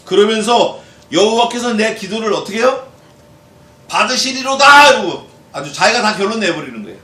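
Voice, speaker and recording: A male pastor giving a Bible exposition sermon in a lively way, acting out quoted voices and putting questions to the congregation. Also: high voice, a little fast. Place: church hall. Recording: echoey church hall, distant mic, faint noise.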